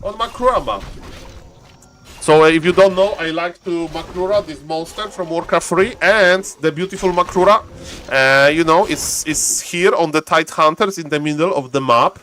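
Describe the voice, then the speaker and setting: A Polish game caster with a Polish accent covers a live strategy game in chatty, excitable English, replying to his chat as he goes. His voice sits on the high side and moves at a normal speed.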